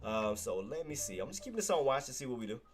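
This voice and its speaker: This man's medium-pitched voice is very animated and fast, with soft music in the background. Congested in the nose, he hosts a live trading stream, commenting on stock charts in a casual way, restating key levels and calling his chat "boss."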